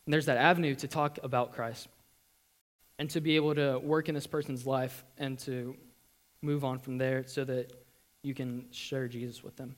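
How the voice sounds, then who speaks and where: A young man giving a church testimony, earnest and halting, with many ums and restarts. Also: medium pitch, little pitch movement.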